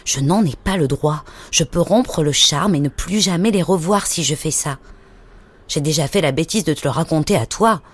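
A woman voicing a gentle, mysterious young mother who speaks tenderly and in hushed tones, with music underneath. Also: low-pitched, normal speed, breathy edge. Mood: apologetic.

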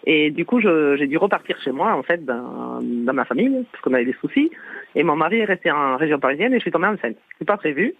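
A woman's voice: deep voice, animated, quick pace, no echo. A woman from Toulouse with a southern Toulouse accent, calling in to a radio show, chatty and giggling as she explains at length. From Toulouse, France. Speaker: caller. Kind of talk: phone-in chat. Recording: tinny phone line.

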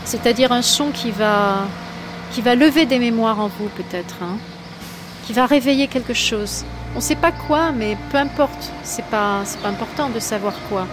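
A woman's voice: a little high, normal speed, over music. A woman speaking reflectively in an interview, searching for words and repeating phrases for emphasis. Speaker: interviewed poet and flight attendant. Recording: clear ambient noise behind voice.

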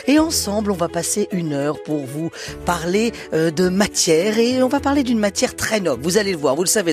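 A man hosting a radio show about crafts, chatty and playful with his guests. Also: on the high side. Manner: lively, chatty, playful teasing. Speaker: radio host.

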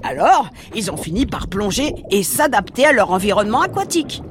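A woman's voice: medium pitch, sing-song, brisk, background noise, close to an everyday voice. A woman playing a brash, voracious mother mosasaur in a children's audio adventure, sassy and exclamatory. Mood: teasing, breezy.

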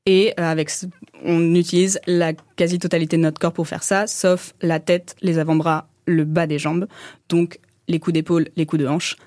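A woman coach on a radio show explaining the rules of her sport in a flat, explanatory way. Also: on the low side, normal speed, dry recording, studio quality. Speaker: team coach, guest. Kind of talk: radio interview. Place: radio studio.

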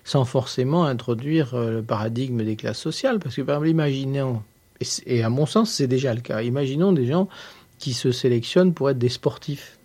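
A man's voice: medium pitch, lively intonation, brisk, darkish tone. A man speaking as a radio guest who argues hesitantly, searching for words. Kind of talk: radio discussion.

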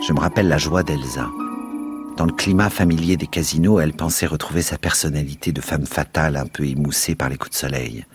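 A male radio host narrating a novel in a steady, expressive reading. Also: very deep voice, brisk, faint music behind.

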